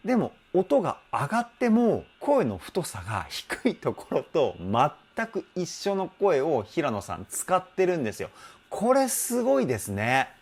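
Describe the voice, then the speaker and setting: Guy vocal coach reacting to a song, super expressive voice jumping all over, excited, says sorry politely a lot. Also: on the high side. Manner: enthusiastic, exclaims often while explaining; polite, apologetic asides.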